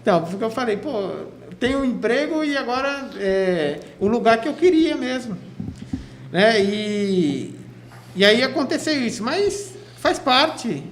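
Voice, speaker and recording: Recorded in an echoey room with faint background noise, this radio guest is a PE teacher from Cubatão, São Paulo state, Brazil. He recounts his story in an extremely high, very animated voice, unhurried and chatty, with many restarts.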